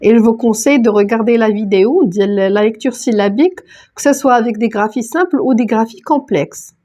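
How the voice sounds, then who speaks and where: A woman's voice: on the high side, brisk, warm tone. A woman teacher, giving a patient step-by-step lesson and reading words out one by one. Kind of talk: online grammar lesson.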